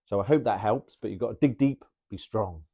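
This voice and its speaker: A man's voice: lowish voice, fairly quick, mellow. A man who works as a bike mechanic, chatting casually and enthusiastically through viewer questions, rambling a little with restarts. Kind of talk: casual Q&A talk.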